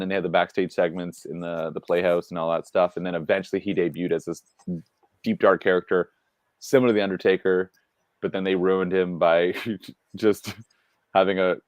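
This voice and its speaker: A man's voice: sits low, little pitch movement, normal speed, no echo, studio quality. A man co-hosting a wrestling news show, chatting casually and rambling with lots of fillers. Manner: rambling, heavy use of "like" and fillers. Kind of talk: casual chat.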